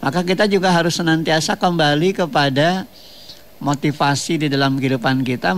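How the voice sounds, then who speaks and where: Male radio preacher, gravelly mid-range voice, steady teaching delivery. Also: medium pitch. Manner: measured, explanatory, repeats phrases with tag questions. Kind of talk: radio sermon. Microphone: radio studio microphone.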